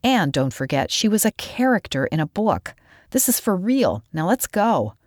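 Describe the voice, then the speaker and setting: Brief: woman voicing nervous storybook boy, low and anxious, dry close mic. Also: very animated, normal speed, a little mellow, no room sound. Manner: anxious, pleading. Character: jumpy nervous boy, easily scared.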